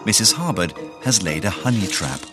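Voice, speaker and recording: A man's voice: fairly low pitch, lively intonation, moderate pace. A man reading scripted documentary narration as a voice-over, with a wry, punning storytelling manner. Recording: voice-over with prominent music behind. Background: music.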